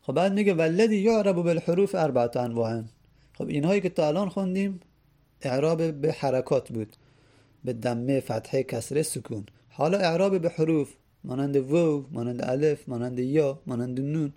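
A man teaching an Arabic grammar lesson in Persian, reading each rule aloud and then explaining it slowly with repeated examples. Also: fairly high pitch, expressive, warm tone.

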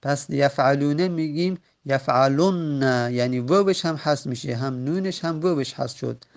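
A man teaching a grammar lesson, patiently explaining and slowly repeating each example word. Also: on the high side, vocal fry.

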